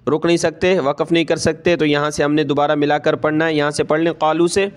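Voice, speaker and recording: A man with a Pakistani Urdu accent teaching Quran reading, drawing out each recited word slowly and breaking it into letters and vowel marks, with quicker spoken explanations in between. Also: fairly high pitch, level tone. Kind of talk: spelled-out recitation lesson.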